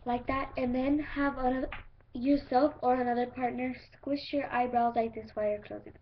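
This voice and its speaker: A high-pitched female voice walks the viewer through a home remedy one step at a time in a chatty way. The recording is dull and lo-fi, with a faint hiss under it. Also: level tone, moderate pace. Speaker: video host. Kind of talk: casual home video how-to.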